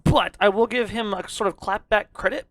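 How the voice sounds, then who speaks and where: A podcast co-host in casual chat, talking excitably and rambling with lots of swearing. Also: mid-range voice, moderate pace, no echo.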